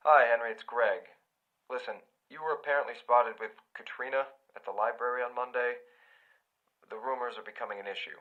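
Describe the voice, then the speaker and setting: A man's voice: medium pitch, steady tone. An actor playing a concerned man named Greg, leaving a recorded voicemail message. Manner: measured, serious. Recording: dull voicemail playback.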